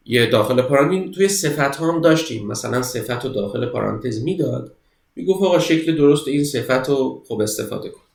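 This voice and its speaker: A man teaching an English exam-prep lesson, reading each English sentence slowly and then explaining it in Persian. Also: medium pitch, vocal fry, roomy sound, low-quality recording.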